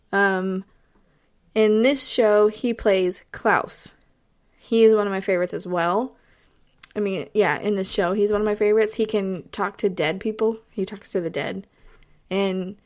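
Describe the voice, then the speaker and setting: Texan woman, podcast host, casual rambling talk, mid pitch, hiccups. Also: a little mellow. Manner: chatty, rambling, lots of fillers. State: has the hiccups. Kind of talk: casual solo podcast review.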